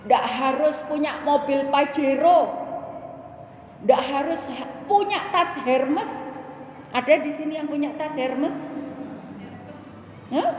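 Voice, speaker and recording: High-voiced woman preaching in an echoey hall. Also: a little hiss or hum. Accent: Javanese. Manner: animated, asks the audience questions, slips into regional phrases. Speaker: preacher at a women's religious study circle. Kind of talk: sermon with storytelling. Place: hall of a religious gathering. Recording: echoey hall, dull lo-fi sound.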